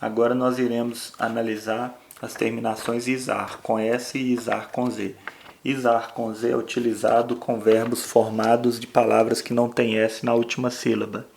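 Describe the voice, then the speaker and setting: Flat gravelly male grammar teacher. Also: medium pitch, a little hiss or hum. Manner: explains slowly with frequent "né?". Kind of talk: grammar lesson.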